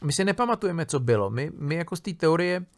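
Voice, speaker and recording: A man's voice: on the high side, lively intonation. A man giving an informal spoken lecture on a philosophy text. He thinks aloud, restarts his sentences and keeps asking his listeners for agreement. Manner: casual, thinking aloud with many fillers, restarts and tag questions.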